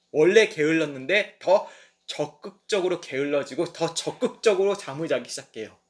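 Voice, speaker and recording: A man in his youth delivers a sermon, his voice sitting a bit high for a man. He talks in a lively storytelling way, dropping into voices for the people he describes. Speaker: pastor. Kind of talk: sermon at a midweek service.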